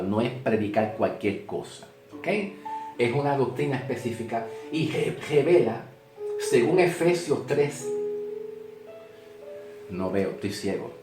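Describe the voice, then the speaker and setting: A man teaching from the Bible slowly, often repeating a point and checking in with "ok?". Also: mid-range voice. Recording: echoey room with guitar music.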